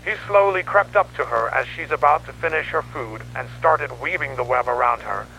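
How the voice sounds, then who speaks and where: A hum-laden, noisy tape carries a man's recorded horror investigation log, voiced as a grim newspaperman. His delivery is dramatic and ominous at normal speed, with a medium-pitched voice that's pushed and bright yet close to everyday speech.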